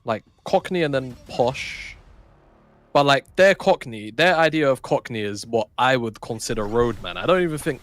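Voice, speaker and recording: A man's voice: mid-range voice, animated, normal speed, a bit bright, dry recording, soft background music. Chatty man on a livestream. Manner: chatty, swearing, laughs often. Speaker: stream co-caster. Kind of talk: casual livestream chat.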